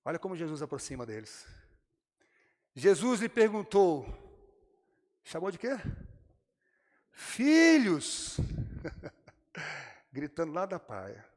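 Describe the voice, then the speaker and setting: A man's voice: a little high, expressive, moderate pace, long pauses, a little mellow, big-room sound. A man with a Brazilian Portuguese accent preaching a sermon to his congregation, acting out the characters' lines as he tells the story. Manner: addresses the congregation directly. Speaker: pastor. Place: church.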